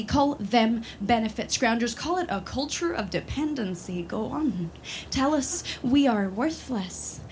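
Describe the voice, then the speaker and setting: With slight background noise, a high-pitched woman from Sweden, aged in her twenties, speaks haltingly with plenty of fillers and restarts. Afterward she recites a spoken word piece structured around repeating refrains.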